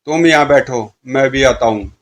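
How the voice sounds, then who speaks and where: A man's voice: mid-range voice, normal speed, lightly acted. A man voicing a sinister male servant of a haunted mansion, curt and cold.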